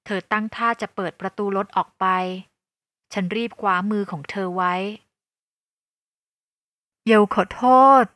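A woman's voice: mid-range voice, steady tone, moderate pace, fairly bright tone, no room sound, clean studio sound. A woman narrating a first-person romance novel, in an emotional, reflective way. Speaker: audiobook narrator.

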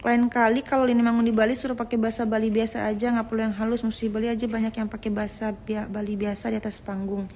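A woman's voice: on the high side, little pitch movement, fast talker, few pauses, a little mellow, a little hiss or hum. A woman chatting casually at home on a phone livestream, answering viewer comments and often searching for words as she rambles on. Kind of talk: casual live chat.

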